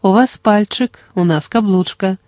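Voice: medium pitch, moderate pace, darkish tone, no room sound, lightly acted. A reader voicing a wicked old male sorcerer who chants rhymed demands in a thin, rattling, sweet voice, in an audiobook. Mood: sweetly menacing. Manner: chanting rhymed sing-song lines. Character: old evil male sorcerer, sing-song and wheedling. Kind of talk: audiobook character voice.

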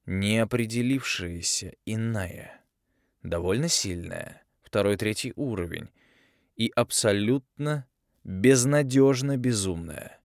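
Brief: male audiobook narrator, low pitch, expressive storytelling, dry close recording. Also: slow pace, no room sound. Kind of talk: scripted narration.

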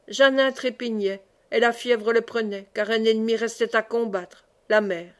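A woman reading a classic novel aloud as an audiobook, expressive in the dialogue. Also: fairly high pitch, moderate pace. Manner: expressive, raises voice for cries. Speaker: audiobook reader.

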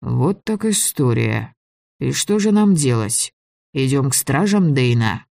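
An audiobook reader voicing a calm, kindly grown man who talks slowly and gently. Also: mid-range voice, gravelly, no echo, studio quality.

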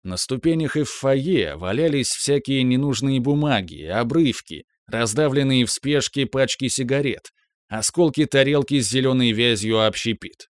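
Guy reading an audiobook, middle pitch, steady and measured, dry close sound. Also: dry recording. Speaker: audiobook narrator. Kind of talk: first-person audiobook narration.

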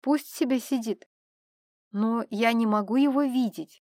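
A woman voicing a tipsy, chattering male count who rambles excitedly and pleads with his friends. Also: fairly high pitch, measured pace, dry recording, studio quality, natural voice. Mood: pleading.

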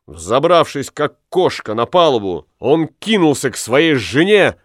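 A man narrating a storybook aloud in a measured, expressive way. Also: medium pitch, no room sound, studio quality. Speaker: audiobook narrator.

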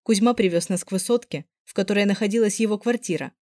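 A woman narrating a first-person novel in a steady, lightly expressive reading. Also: mid-range voice, fast, no echo, clean studio sound. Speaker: audiobook narrator.

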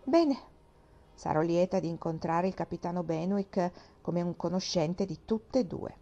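A woman reading the part of a dignified older lady, speaking in a measured, gentle and mellow voice. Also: fairly low pitch, muffled recording. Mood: gracious.

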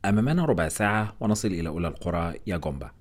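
A man's voice: low voice, expressive, very fast. A man voicing a blunt, curt and cold expedition doctor in an audiobook. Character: Anderson, a brusque blunt blond male expedition doctor.

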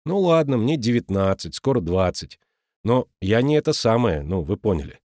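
A man's voice: on the low side, big pitch swings, normal speed, dark tone, dry recording, studio quality. A man voicing a bold, teasing teenage girl who talks in a cheeky, colloquial way.

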